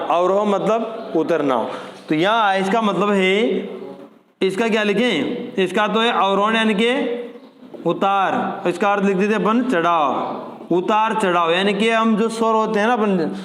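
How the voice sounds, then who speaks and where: Male teacher, high voice, patient drilling delivery, reverberant room. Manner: explains step by step, repeats key terms as questions. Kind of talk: exam-prep lecture.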